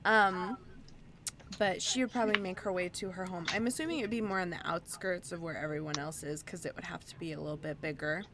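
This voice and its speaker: A woman's voice: on the low side, fairly even intonation, fast, hardly any pauses, heavy background noise. A woman playing in a tabletop game, describing her character in a meandering way with frequent ums. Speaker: player.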